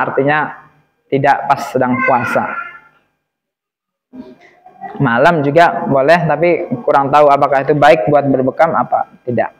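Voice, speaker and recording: A man's voice: fairly high pitch, a bit bright, big-room sound, low-quality recording. A male preacher giving a sermon, explaining points step by step and reciting Arabic hadith. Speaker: Islamic preacher.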